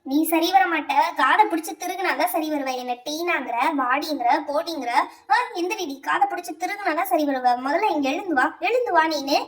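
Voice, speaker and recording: Woman doing a very high-voiced strict teacher. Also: normal speed, recorded from a distance, close to an everyday voice. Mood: angry. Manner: stern, nagging, lecturing. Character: strict scolding female schoolteacher. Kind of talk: doll-play voice acting.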